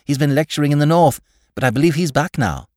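A man's voice: lively intonation, fast talker, a little mellow, dry recording, studio quality, close to an everyday voice. A man putting on a gushing young woman activist. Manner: breathless, gushing, high-pitched.

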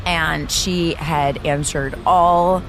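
A woman's voice: sits low, fairly even intonation, very slow, noisy background. A woman from Zambia, an author and speaker, earnestly recounting her own life in an interview. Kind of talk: personal storytelling in an interview.

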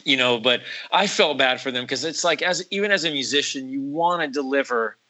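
A man's voice: medium pitch, fairly quick, sharp tone, poor audio. A man on a podcast, a musician, telling a rambling story with many fillers and restarts and acting out quotes in raised voices. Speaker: podcast guest, musician and voice actor. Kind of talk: casual storytelling chat.

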